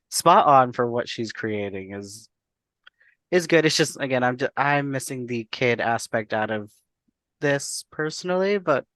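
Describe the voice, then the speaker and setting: A man's voice: mid-range voice, a bit bright, dry recording. A man co-hosting a casual panel review, talking through his critique conversationally. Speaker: podcast co-host reviewing drag looks.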